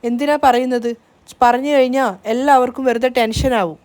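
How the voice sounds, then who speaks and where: A woman reading out a steady, gentle young man in a spoken story recap. The voice stays high and light and speaks softly to comfort someone. It keeps an even, reassuring manner. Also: normal speed, natural voice.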